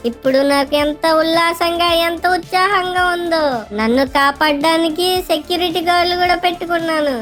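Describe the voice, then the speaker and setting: A man's voice: very high-pitched, steady tone, brisk, bright, forceful tone, soft background music. A man voicing a boastful cartoon boy gloating over new riches. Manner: gloating, triumphant.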